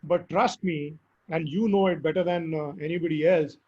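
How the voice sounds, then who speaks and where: A man with a hoarse, squeaky voice from recent illness, answering interview questions earnestly and emphatically. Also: fairly even intonation, moderate pace, warm tone. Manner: earnest, emphatic advice with fillers. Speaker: guest speaker. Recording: dull lo-fi audio.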